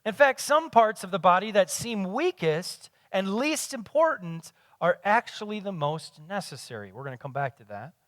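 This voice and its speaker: A man's voice: high-pitched, very animated, normal speed, few pauses, fairly bright tone, no echo. A pastor in his forties giving a conversational sermon with self-deprecating humor. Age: 40s.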